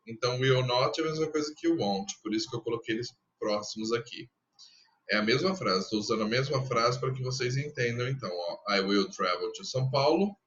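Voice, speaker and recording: Bright-voiced Brazilian teacher explaining patiently. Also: male voice, mid-range voice, highs cut off. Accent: Brazilian Portuguese. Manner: patient, explains step by step, repeats example sentences slowly. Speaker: English teacher. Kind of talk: recorded classroom lesson.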